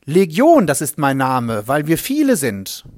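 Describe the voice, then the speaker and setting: A man voicing a tormented, possessed madman who cries out in a shrill, pleading voice. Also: wildly swooping pitch, measured pace, darkish tone, no echo. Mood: eerie.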